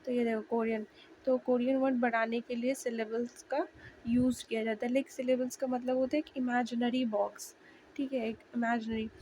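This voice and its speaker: A young woman talks straight to her viewers in a relaxed, chatty way, walking them through her study notes. Her voice is fairly high and a little hoarse. She sounds out letters slowly, and faint noise sits behind her. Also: poor audio. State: slightly hoarse. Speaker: language learner sharing notes. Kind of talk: casual video lesson.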